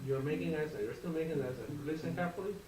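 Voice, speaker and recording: A man's voice: on the high side, fast. Man coaching a guitar student. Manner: encouraging, sings phrases to demonstrate. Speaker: guitar teacher. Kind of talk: masterclass coaching. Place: convention room, heard from a distance. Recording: roomy, distant sound with guitar playing. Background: guitar playing.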